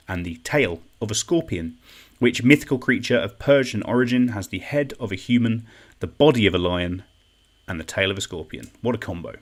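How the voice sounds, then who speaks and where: A young man hosting an online quiz in a chatty, self-deprecating way, reading out comments and repeating each question. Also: on the low side. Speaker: quiz host. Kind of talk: casual live-stream quiz hosting.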